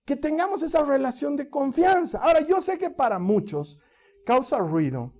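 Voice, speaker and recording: A man's voice: very high-pitched, very animated, moderate pace, darkish tone. A man. He teaches in a chatty, explanatory way and often checks that his listeners are following. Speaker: pastor. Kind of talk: sermon.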